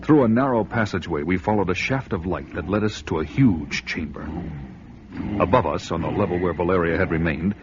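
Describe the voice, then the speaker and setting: An actor voices a bold barbarian hero narrating his own adventure in grandiose, dramatic radio style, with an ominous, awed mood and a storytelling manner. His low voice runs a little fast and is lightly acted. The recording is dull and band-limited, with a noisy background and music behind him.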